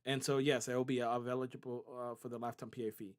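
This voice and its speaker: Male host, mid pitch, unscripted live-stream Q&A, casual and explanatory, checks in with the audience often. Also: little pitch movement, fast, clear, resonant tone. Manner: conversational and explanatory, with tag questions like "right?" and "okay?"; loose, with many fillers and restarts. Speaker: trading company CEO hosting a live stream. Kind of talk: live-stream Q&A answering chat.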